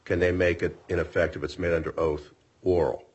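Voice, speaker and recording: A man's voice: sits low, flat delivery, fairly quick, darkish tone, slightly rough. A man presiding as an appellate judge, firing probing questions at counsel and often cutting in. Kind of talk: questioning counsel at oral argument. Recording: dull lo-fi courtroom audio.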